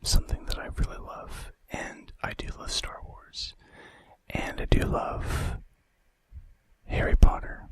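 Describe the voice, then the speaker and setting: This ASMR host is a man who reads out facts in a gentle, breathy whisper close to the mic. He goes slowly and drops in casual, hesitant asides.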